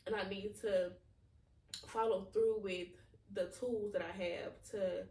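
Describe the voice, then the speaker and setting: A podcast host in her 20s muses candidly on her feelings, rambling and leaning on "like" as a filler. Her medium-pitched voice is steady, slow and darkish, heard from a distance in a roomy, echoing recording.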